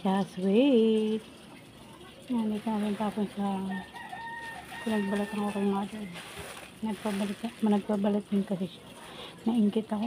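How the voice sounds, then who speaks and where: In a mellow, medium-pitched voice, a Filipino woman with missing upper front teeth chats informally with viewers of her food vlog as she prepares and eats. The recording was made at home and is noisy, with roosters crowing and chickens in the background.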